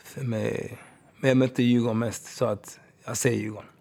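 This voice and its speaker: A man in his thirties, a former pro footballer from Gothenburg, telling animated, slang-heavy stories in a casual podcast chat. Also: mid-range voice, creaky. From Gothenburg, Sweden. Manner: animated storytelling, slang-heavy, keeps asking if you follow.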